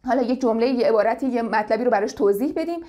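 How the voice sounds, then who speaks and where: A woman giving informal spoken advice to parents as an educator, in a calm and patient way. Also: a little high.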